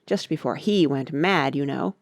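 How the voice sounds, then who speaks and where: A woman's voice: deep voice, moderate pace, no echo, clean studio sound. A woman voicing an eccentric, touchy, mournful male Hatter from a storybook, with an argumentative, lecturing manner. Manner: contemptuous, argumentative, given to lecturing.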